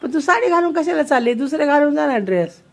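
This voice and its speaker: Teasing young mother, slightly high voice. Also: expressive. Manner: teasing, asks many quick questions. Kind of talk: casual playful chat with her young daughter.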